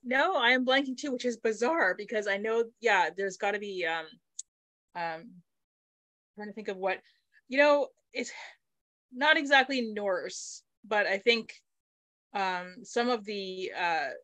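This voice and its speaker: In a casual video call from her home study, a middle-aged author guest from Manitoba, Canada, speaks through a laptop webcam mic. Her mid-range voice has lively intonation, a measured pace, and a slightly bright tone, with no room sound. She thinks aloud, restarting often and using plenty of fillers.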